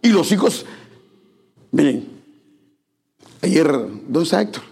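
A man's voice: a little high, big pitch swings, takes it slowly, gravelly, darkish tone, slight background noise. A male pastor preaching a conversational sermon in church, speaking directly to the congregation.

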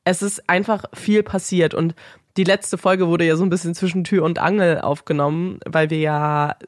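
A woman's voice: lowish voice, steady tone, normal speed, no echo, studio quality. A woman hosting a podcast in casual chat, her nose blocked from a cold. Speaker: podcast host.

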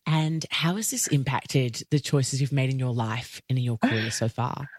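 A woman's voice: a bass voice, normal speed, husky, no room sound, studio quality. A woman hosting a podcast, reading an upbeat intro and then chatting enthusiastically with her guest. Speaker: podcast host. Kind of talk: scripted intro then interview chat.

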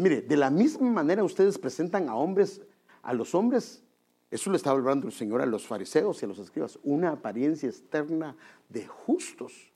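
A male pastor preaches a sermon in a husky, animated voice, acting out quotes in high voices. He keeps it conversational and addresses listeners as brother.

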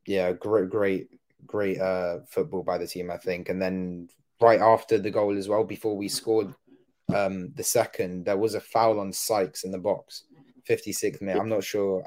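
A man with a low, flat voice co-hosts a football podcast and chats through a match review. He rambles and fills his talk with many "um"s and "yeah"s. His tone stays level with little rise and fall. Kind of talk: casual match review chat.

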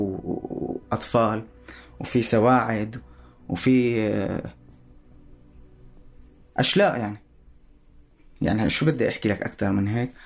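A man with a Syrian Arabic accent giving personal spoken testimony in a halting way, searching for words. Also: lowish voice, vocal fry.

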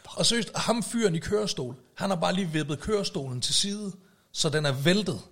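A man telling a story in casual podcast chat, acting out shouted quotes. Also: high voice. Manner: animated, acts out shouted quotes.

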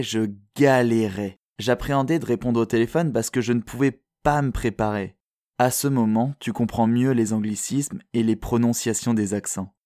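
A man from France with a French accent, hosting a podcast in a calm, reflective, measured way, as scripted narration. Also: medium pitch, dry recording, clean studio sound. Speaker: podcast host.

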